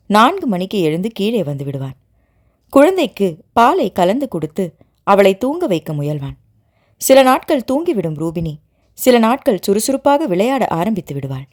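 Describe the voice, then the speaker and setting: A woman narrating a family novel in a steady storytelling reading. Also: medium pitch. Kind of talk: scripted narration.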